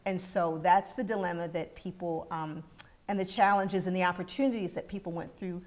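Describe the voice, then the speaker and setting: Middle-aged woman academic, lowish voice, calm lecturing delivery, studio lapel mic. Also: a little fast. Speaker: university professor. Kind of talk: panel discussion. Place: TV studio set.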